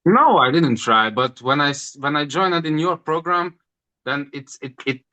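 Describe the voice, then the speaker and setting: Man, 30s, bright voice, halting second-language English. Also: fairly high pitch, lively intonation. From Hungary. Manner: halting non-native English, repeats words. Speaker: interview guest. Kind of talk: casual interview answers.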